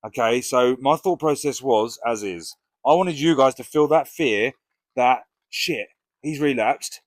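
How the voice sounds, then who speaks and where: A man's voice: medium pitch, measured pace, no echo. A British man talking casually and frankly to camera as a vlogger, with plenty of swearing. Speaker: recovery vlogger.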